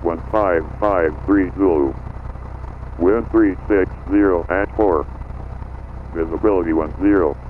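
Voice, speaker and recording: Deep man on an airport weather broadcast. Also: a little slow, long pauses. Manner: clipped, even, formal radio phrasing. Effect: airport weather broadcast over aircraft radio. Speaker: recorded airport information announcer. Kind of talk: steady read-out of weather and runway data. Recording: tinny aircraft radio with faint noise.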